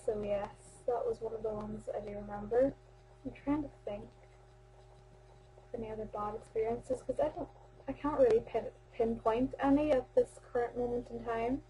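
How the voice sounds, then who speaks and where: A woman's voice: a little high, fairly even intonation, moderate pace, warm tone, slight background noise, poor audio. A young Irish woman in her teens chatting casually to a webcam about amateur theatre, rambling, with many fillers and restarts. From Ireland. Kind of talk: casual vlog chat.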